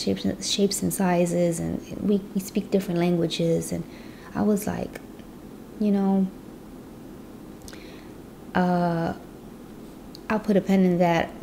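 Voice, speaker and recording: A Chicago woman from the US Midwest tells her personal story in a chatty vlog, saying "you know" a lot. Her voice is on the low side, creaky and warm. There's slight background noise.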